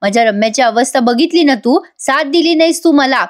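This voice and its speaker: A woman's voice: sits high, expressive, brisk, voice pushed up. A furious middle-aged aunt scolds her sister in a bitter, accusing tirade, as a woman puts her on while recapping a soap. The voice sits well above the performer's own. Her complaints pour out one after another. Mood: angry, accusing.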